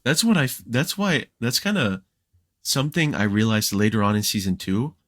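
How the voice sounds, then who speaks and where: A young man talking as a podcast guest, telling stories in a relaxed way with lots of fillers and restarts. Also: lowish voice, moderate pace, no echo, clean studio sound. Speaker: podcast guest, Minecraft creator. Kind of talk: casual podcast chat.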